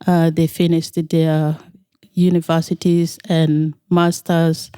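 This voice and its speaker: A middle-aged woman from South Sudan, a nonprofit founder talking as a studio guest in a measured, hesitant way with many fillers. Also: sits low, flat delivery, dark tone, clear, resonant tone, dry recording. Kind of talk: interview. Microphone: studio microphone.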